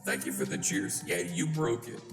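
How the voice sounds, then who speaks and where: A live coding streamer talking through a voice changer that shifts the voice deep, chatting casually with a wry, self-deprecating manner. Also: normal speed. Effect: deep pitch-shifting voice changer. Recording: roomy sound with music behind. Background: background music.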